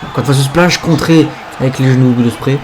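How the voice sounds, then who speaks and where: A man's voice: mid-range voice, brisk, crowd noise. A man doing play-by-play wrestling commentary on a video game match, reacting to each move with exclamations. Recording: clear background noise.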